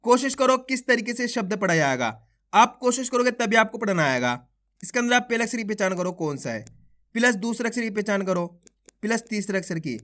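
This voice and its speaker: A man teaching Hindi reading in a voice-over, sounding out each letter and then saying the joined word louder, patient and encouraging with his viewers. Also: sits high, expressive, a little fast. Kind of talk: slow spelled-out phonics lesson.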